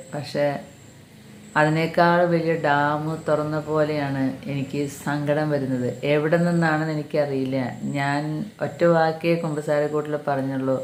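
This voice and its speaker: A middle-aged woman, a catechism teacher, giving an earnest personal religious testimony and calling listeners dear brothers and sisters. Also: sits low. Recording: echoey room.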